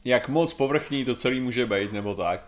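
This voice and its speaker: A man with a mid-pitched voice talks things through in a rambling, hesitant way. He leans on fillers and circles back as he chats casually. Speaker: podcast co-host. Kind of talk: casual chat.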